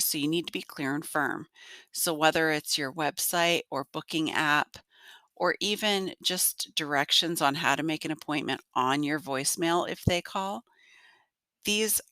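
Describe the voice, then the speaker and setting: A woman in her forties hosts a solo business podcast, her voice bright and a little nasal and gruff from congestion. She talks straight to her listeners with direct, encouraging advice, close to the mic in a dry, dead space. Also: sits low, no room sound. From North Carolina. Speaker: podcast host.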